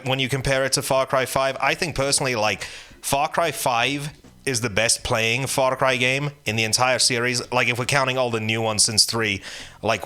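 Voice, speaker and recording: A man's voice: medium pitch, pushed and bright. A man chatting casually about games, rambling with many restarts and fillers, blunt and profane. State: hiccuping. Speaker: gaming channel host. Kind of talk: casual rambling game commentary.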